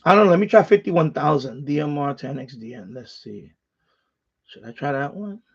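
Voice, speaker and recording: Male live stream host, husky higher voice, chatty and muttering with louder radio calls, lo-fi sound. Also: animated, fairly quick. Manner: muttering to himself, with louder call-outs. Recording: dull, lo-fi sound.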